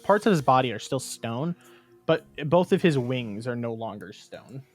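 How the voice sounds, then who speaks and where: A man's voice: medium pitch, expressive, normal speed, no echo, soft background music. A man narrating as game master of a tabletop game, loose and rambling, often laughing.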